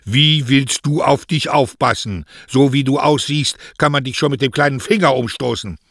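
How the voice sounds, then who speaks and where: A man voicing a stern, scornful middle-aged mother who scolds her daughter with a raised, sharp voice. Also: low voice, normal speed, breathy edge, dry recording, clean studio sound, full character voice. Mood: commanding.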